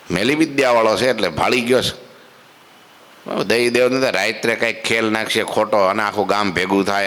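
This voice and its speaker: A man, telling a devotional story as a preacher. He narrates in a lively way, acting out the characters and asking rhetorical questions. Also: fairly low pitch, in a large hall.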